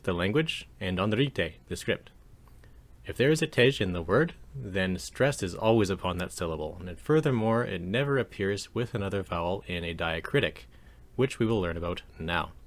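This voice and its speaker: A man teaching a language lesson over slides, explaining calmly and slowing down to demonstrate sounds. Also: lowish voice. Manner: calm, measured explanation with slow demonstrations of sounds.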